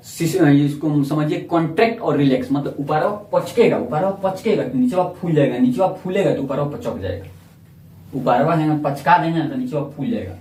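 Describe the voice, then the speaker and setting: A man's voice: a little high, mellow, slight background noise. A man teaching a biology lesson, repeating each term and quizzing the listener as he goes. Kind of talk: classroom lesson. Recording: echoey room, voice from far off.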